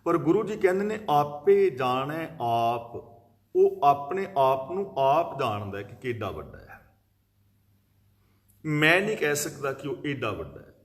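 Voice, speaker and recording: A man's voice: fairly high pitch, sing-song, normal speed. A man giving a religious discourse, explaining scripture verse by verse and reciting long lists of words. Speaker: preacher giving scripture commentary.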